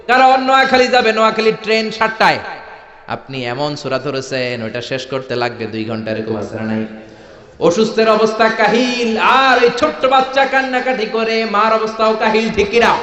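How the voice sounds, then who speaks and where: A man delivers a rousing sermon in a fairly high voice. He urges the crowd to shout back and tells folksy, humorous stories. The sound rings through a large, echoing hall on a dull, lo-fi recording. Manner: rousing, calls on the crowd to answer aloud; colloquial, humorous storytelling. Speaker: preacher. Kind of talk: Bengali waz sermon to a crowd.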